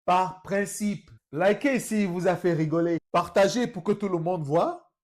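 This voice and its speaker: Talking a little slowly in a high, slightly mellow voice, a political commentator mocks the video clips he's covering. He speaks straight to his audience, whom he calls brothers.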